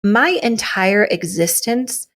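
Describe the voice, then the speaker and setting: Thirties woman cohost, chatty, self-deprecating, laughs a lot, medium pitch. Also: animated, slow, fairly bright tone. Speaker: podcast co-host. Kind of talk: casual chat.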